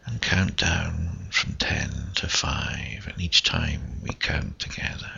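Male, gravelly, slow hypnotic whisper right in the ear for intimate relaxation audio; breathy, close-miked. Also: sharp tone, dull audio. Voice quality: breathy, husky, gravelly low voice. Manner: slow, coaxing, hypnotic delivery with short phrases.

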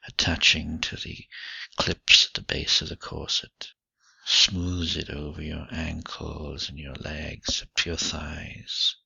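A man telling a slow, intimate second-person story in a hushed, breathy voice that often drops to a whisper, on a dull lo-fi recording. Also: extremely low pitch, no echo.

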